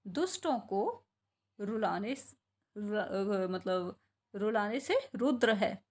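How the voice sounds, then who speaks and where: A woman's voice: mid-range voice, animated, slow pace. A woman teaching a class, spelling out words sound by sound and asking questions she answers herself. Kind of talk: classroom lesson.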